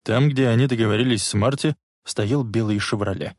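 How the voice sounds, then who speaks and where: With a mid-range voice, a male audiobook narrator works through a scripted reading of a novel. His storytelling stays steady and measured, and the recording is dry and of studio quality.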